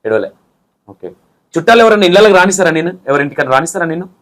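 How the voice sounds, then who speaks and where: A man's voice: a little high, big pitch swings, racing, fairly bright tone. A man, bluntly pressing and scolding his interview guest with pointed questions. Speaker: interview anchor.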